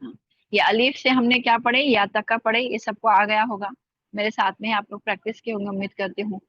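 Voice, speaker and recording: A woman teaching an online language class, slowly repeating words and sounds for her students. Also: mid-range voice, little pitch movement, a bit bright, dry recording. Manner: slow careful drilling of sounds, repeating words. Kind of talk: spoken language lesson. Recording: dull lo-fi sound.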